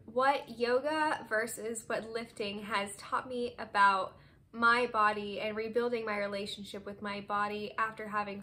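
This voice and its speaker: Bright-voiced chatty young woman vlogger. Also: fairly high pitch. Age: 20s. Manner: chatty, expressive, gesturing with hands. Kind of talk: casual chat to camera. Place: bedroom, seated on a bed indoors.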